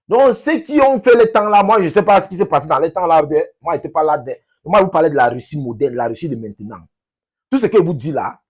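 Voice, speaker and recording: A man from Cameroon with a Cameroonian French accent, talking casually to his subscribers in an emphatic, repetitive, halting way. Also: a little high, darkish tone, slightly rough. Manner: emphatic, repeats phrases, halting with restarts. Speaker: vlogger, language teacher.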